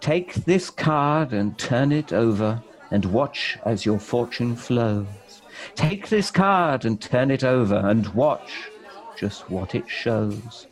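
A man doing a hushed, mysterious one-eyed stranger. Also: mid-range voice, animated, takes it slowly, pitched above the performer's own voice. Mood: confiding.

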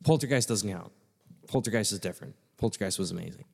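A man's voice: lowish voice, animated, fast, vocal fry. Man talking in a big echoey hall. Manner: loose, swearing, enthusiastic. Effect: big echoey hall reverb. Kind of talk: casual chat. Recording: long hall reverb on voice.

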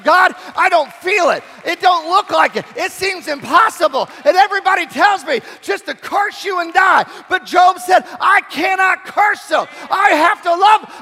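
A man delivers a booming, motivational sermon with impassioned force. His voice is pitched extremely high and has a bright, tense edge. It rings out through a large hall with long reverb, and he hammers short phrases by repeating them. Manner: emphatic repetition of short phrases. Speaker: preacher.

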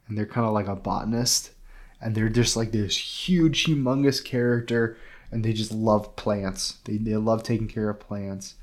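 Rambling, excitable man with a low voice. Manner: rambling, excitable, heavy on fillers. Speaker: podcast co-host. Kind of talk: casual game review chat.

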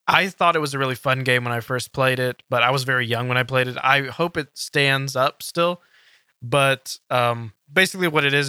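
A man hosting a casual gaming podcast, talking in a halting way with many "um" fillers. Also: mid-range voice, sharp tone, smooth, no echo, studio quality. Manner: filler-heavy, halting delivery with frequent "um". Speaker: podcast host.

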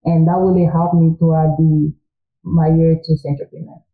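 Heard through a tinny phone-like connection in an echoey room, a deep-voiced young woman speaks at a moderate pace with little pitch movement. She is from Congo, French is her first language, and as a recent graduate and interview guest she chats earnestly, quoting her own thoughts aloud.

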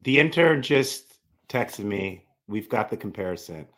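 A man's voice: fairly low pitch, animated, unhurried, a bit bright. Man bantering on a sports podcast. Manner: joking, teasing banter. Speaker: podcast co-host. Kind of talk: casual sports chat.

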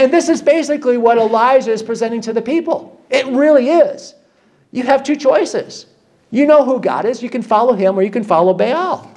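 A man's voice: high-pitched, darkish tone. A male pastor giving a conversational sermon at a church service, often checking in with the congregation with "okay?" and "right?". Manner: chatty, checks in with frequent "okay?" and "right?" tags.

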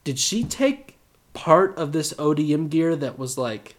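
A man co-hosting a podcast, chatting casually through an episode recap with animated, joking asides. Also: a little high, a little slow. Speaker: podcast co-host.

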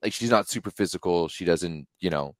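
Animated low-voiced man chatting sports. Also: a little fast, no room sound, studio quality. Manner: animated, rambling with many fillers and restarts. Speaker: podcast co-host. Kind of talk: casual sports chat.

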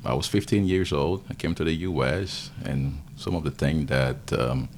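A Haitian-accented man with a remarkably deep voice, speaking as a guest on a casual podcast. His voice has a gravelly edge, and he pauses often with fillers as he thinks through his answers. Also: a little mellow, a little hiss or hum. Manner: thoughtful, halting, with many fillers. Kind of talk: casual interview.

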